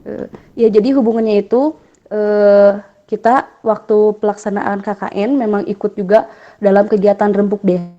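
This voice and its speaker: A woman's voice: mid-range voice, fairly even intonation, normal speed, dull audio. A young woman, a university student, asking her lecturer a question politely and hesitantly, with many fillers, over an online call whose audio breaks up and cuts out. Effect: online call audio breaking up and cutting out. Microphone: online video call.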